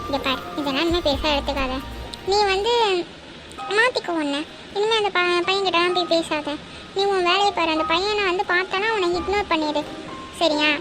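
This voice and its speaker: A woman's voice: extremely high pitch, normal speed. A woman voicing a bossy young woman friend in a cartoon, giving firm, scolding advice. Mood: lecturing. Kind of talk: cartoon voice acting. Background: music.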